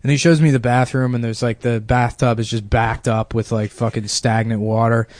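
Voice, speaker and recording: A man's voice: medium pitch, little pitch movement, normal speed, a little mellow, dry recording. A young adult man rambling through a casual comedic story on a podcast, with lots of fillers. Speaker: podcast co-host.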